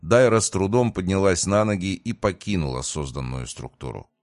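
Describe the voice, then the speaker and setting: A man calmly narrating a first-person audiobook in a measured way. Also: low voice, no echo, clean studio sound.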